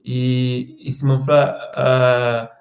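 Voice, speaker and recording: A man's voice: medium pitch, level tone, slow, highs cut off. A man hosting a casual live stream, reading out viewer comments and talking at length, often stopping to ask "você entende?". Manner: rambling, with restarts and frequent "você entende?".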